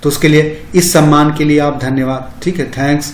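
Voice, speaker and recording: A man's voice: on the high side, steady tone, normal speed, roomy sound, rough recording. A man teaching spoken English to beginners. He explains each phrase in Hindi, repeats the English version several times, and often says "ठीक है". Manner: frequent "ठीक है" fillers.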